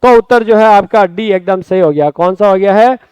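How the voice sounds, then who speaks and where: Lively high-voiced male Hindi tutor. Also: smooth, no room sound, poor audio. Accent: Rajasthani Hindi. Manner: lively, drawn-out words, addresses students as friends. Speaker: Hindi exam coaching teacher. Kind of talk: spoken exam-prep lesson. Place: classroom or studio.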